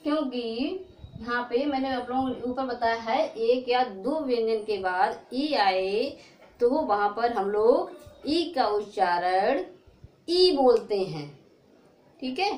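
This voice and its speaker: A woman with a high voice teaches a pronunciation lesson. She keeps posing questions and answering them herself, checking that the class follows. Her voice rings in a roomy, echoey space. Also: expressive, slow pace, darkish tone, soft background music. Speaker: English teacher. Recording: echoey room.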